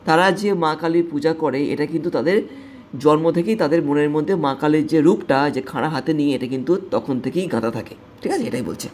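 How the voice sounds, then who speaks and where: A woman's voice: low-pitched, fairly quick, a little mellow, a little hiss or hum. A woman teacher who reads English lines aloud and explains them to students in Bengali, often checking whether they follow.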